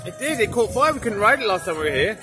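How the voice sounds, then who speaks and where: Playful dad hosting a windy theme park vlog. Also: male voice, high-pitched, sing-song, quick pace, over music. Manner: playful, teasing, quizzing the kids. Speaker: vlog host and father.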